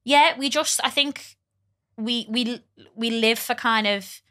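A young Liverpool woman with a bright, forceful voice tells stories as a podcast guest. She chats freely, swears and laughs easily. She is recorded close on a boom mic in a small studio. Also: slow. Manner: chatty, laughing storyteller who swears freely. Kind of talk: casual chat.

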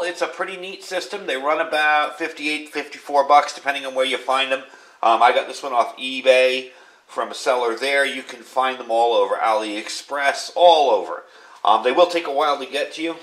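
In a low-quality recording, a male radio reviewer with a mid-range, slightly bright voice chats informally about a product he's handling. There's no script; he's just explaining things casually at an indoor workbench, with clear background noise and room ambience around him.

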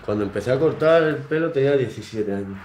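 A man in his twenties, a barber, chatting casually while shaving a client in his small shop, in short relaxed phrases. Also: mid-range voice, fast talker. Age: 20s. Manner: relaxed, modest, talks in short trailing phrases. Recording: roomy shop echo, faint noise.

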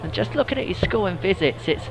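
Higher-voiced male darts commentator. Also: animated, quick pace, creaky, over music, low-quality recording. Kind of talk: live sports commentary.

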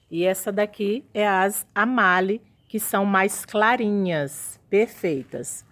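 A woman giving a casual walking tour of her home orchid house, chatting admiringly as she shows her plants to viewers. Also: medium pitch. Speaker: orchid grower vlogger.

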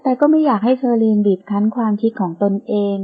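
A woman narrates a romance audiobook in a steady, even storytelling manner. Her voice sits a bit high for a woman and sounds thin and tinny, as if over a phone line. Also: quick pace, breathy edge. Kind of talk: scripted novel narration.

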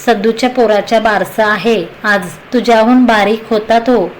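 A woman's voice: a little high, fairly even intonation, moderate pace, a little hiss or hum, close to an everyday voice, rough recording. A woman voicing a scolding, nagging old grandmother in a read-aloud story. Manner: nagging, teasing.

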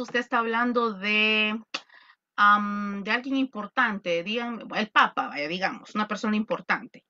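A woman with a Salvadoran accent teaching an online English class, lively and joking as she quizzes her students. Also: medium pitch, lo-fi sound. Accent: Salvadoran Spanish.

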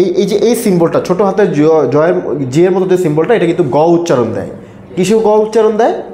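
A man's voice: sits high, dark tone. A man with a Bangladeshi Bengali accent teaching English pronunciation to a live class. He quizzes the students and has them repeat words after him. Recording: echoey classroom.

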